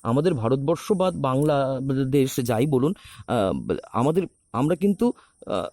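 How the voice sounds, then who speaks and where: A theatre director and actor talking reflectively, with many pauses and restarts, recorded on a phone. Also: male voice, mid-range voice, sing-song, warm tone, no room sound, studio quality. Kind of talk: recorded talk on a podcast.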